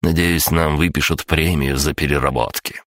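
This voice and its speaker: A man's voice: extremely low pitch, fairly even intonation, moderate pace, fairly bright tone, dry recording, clean studio sound. Man doing a smug hospital doctor.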